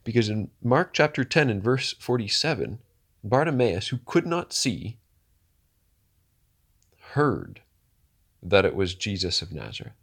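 A man preaching a sermon, swinging from hushed, slow lines to loud, rousing ones and asking the listeners rhetorical questions. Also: fairly low pitch, very animated, vocal fry, slightly rough.

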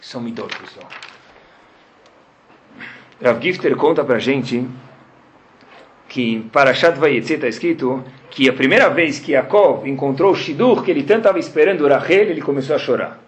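A man's voice: medium pitch, animated, normal speed, long pauses. A man giving a religious lesson who keeps asking his listeners rhetorical questions. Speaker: Torah teacher.

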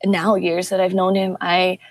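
A young woman talks casually as a guest on a podcast about teaching. She tells stories with lively energy and often jumps up in pitch to act out what people said. The sound is dry and close. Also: moderate pace, no room sound. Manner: animated storytelling, acts out quotes with pitch jumps. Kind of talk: casual interview talk.

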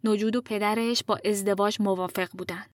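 A woman narrating a true story in a calm, measured storytelling voice. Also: medium pitch, no room sound, studio quality. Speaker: podcast narrator.

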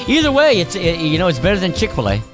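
A man co-hosting a radio talk show, rambling and joking with plenty of filler words. His pitch jumps around a lot as he riffs. Faint music sits underneath. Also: huge pitch swings, quick pace. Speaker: radio co-host. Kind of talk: casual radio banter.

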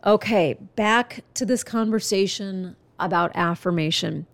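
A podcast host talks by herself to listeners, her mid-range voice gravelly and unhurried. She sounds congested with a stuffy nose but remains earnest and chatty, cheering people on warmly. The recording has no echo.

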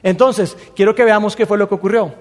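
A man preaching a sermon, retelling a Bible story in a colloquial, animated way. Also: sits high, brisk, big-room sound. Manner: colloquial and animated, with slangy asides. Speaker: pastor.

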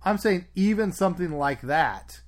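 A man in casual chat as a podcast host, his voice sitting a little higher than most men's. He talks in an opinionated, lively way and sometimes laughs mid-sentence. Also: normal speed.

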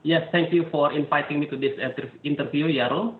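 A man's voice: a little high, steady tone. Indonesian-accented man on a dull, roomy line. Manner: careful, halting speech with "uh" fillers. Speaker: interview guest.

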